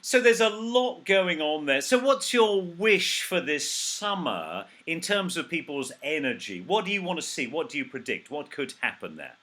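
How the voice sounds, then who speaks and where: Hosting an interview over a video call, a man sounds enthusiastic and upbeat as he jokes with his guest. His voice is on the high side, sing-song, bright and forceful, moving at a moderate pace with hardly any pauses.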